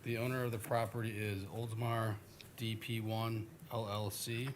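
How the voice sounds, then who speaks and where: A man's voice: lowish voice, little pitch movement, normal speed, slight background noise. An American man testifying formally as a code enforcement officer. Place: public hearing room.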